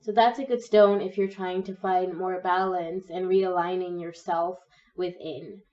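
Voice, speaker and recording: This tarot reader, a young woman with a cold, offers an encouraging pick-a-card reading in a gentle, soft, mellow voice that's slightly croaky and on the low side. She's unhurried, her intonation fairly even, while the audio comes across dull and somewhat distant, as if she's seated back from the microphone.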